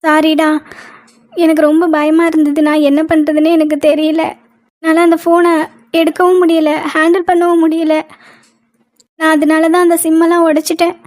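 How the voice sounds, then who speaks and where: A woman voicing a frightened young college woman in a cartoon, pleading in a flat, tearful way. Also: high-pitched, moderate pace, long pauses, no room sound, natural voice. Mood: scared. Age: young adult. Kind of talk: cartoon voice acting.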